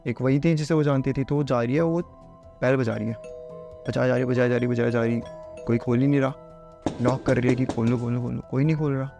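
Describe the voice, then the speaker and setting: A man's voice: mid-range voice, fairly even intonation, a little fast, gravelly, warm tone, faint music behind. A man casually narrating a horror storytime, chatty and conversational, calling the listener bhai.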